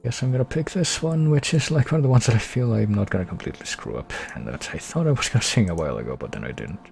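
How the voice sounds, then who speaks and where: Gravelly, mumbling male streamer. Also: fairly low pitch, very animated, fast talker, darkish tone, faint music behind. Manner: mumbling, self-deprecating asides. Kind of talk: casual live-stream chat between karaoke songs.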